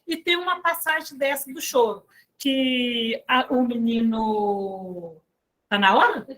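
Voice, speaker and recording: A woman gives an informal spiritual talk to a study group as a lay speaker at a spiritist center. Chatty and storytelling, she uses filler tags and makes asides to her listeners. Her voice is on the high side and a bit bright, and she speaks slowly.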